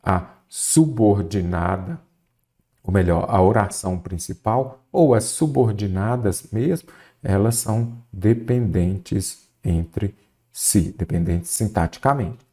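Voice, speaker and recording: A man's voice: lowish voice, slow pace, warm tone. A man from Brazil teaching an exam-prep Portuguese grammar lesson, posing questions to students and stretching key words for emphasis.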